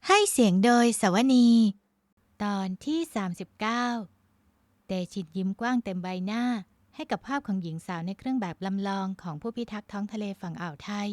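Lady reading a romance novel aloud, steady even storytelling, dry close sound. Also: medium pitch, a little fast, dry recording. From Thailand. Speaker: audiobook narrator. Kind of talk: scripted romance novel narration.

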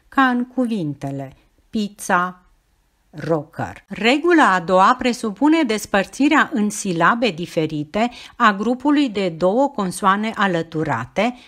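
A woman teacher reads out a scripted lesson. Her delivery is clear, measured and explanatory, and her voice sits at a middle pitch.

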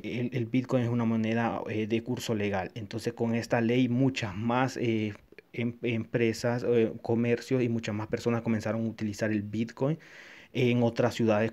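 A tech reviewer from Honduras, speaking in a medium-pitched, darkish-toned voice, gives a casual and hesitant review of a wallet app over a screen recording. His talk is full of fillers and restarts.

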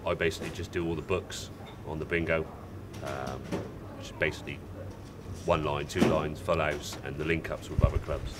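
A man's voice: a bass voice, flat delivery, moderate pace. A young man who works as a bingo caller, giving casual interview answers. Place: bingo hall, indoors. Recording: distant mic, noisy room ambience.

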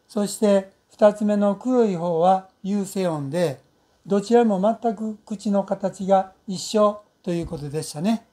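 A woman teaching English pronunciation in Japanese, speaking slowly and patiently with many fillers and drawn-out model sounds. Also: mid-range voice, dark tone. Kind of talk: recorded pronunciation lesson.

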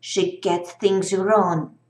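A woman's voice: little pitch movement, extremely slow. Woman doing a mumbling grumpy little boy. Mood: grumbly. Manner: mumbling, low and quiet. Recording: echoey room.

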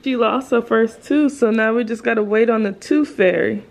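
A woman's voice: on the high side, normal speed, gravelly. An American woman in her thirties chatting casually as a mom vlogging at home on a camera microphone. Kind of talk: casual home vlog chat. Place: indoors at home, rooms and kitchen. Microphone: handheld or nearby camera microphone.

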